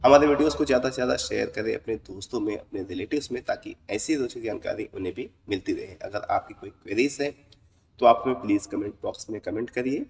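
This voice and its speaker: A man with a fairly low voice speaks in a measured, explanatory way, pausing now and then with "uh" as he walks his listeners through the meaning of a dream. He sounds set back from the mic, and a long echo rings around him as if he were in a bare room. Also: creaky, a little mellow, distant mic, slight background noise. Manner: measured and explanatory, with frequent "uh" pauses. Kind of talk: explanatory talk to camera audience.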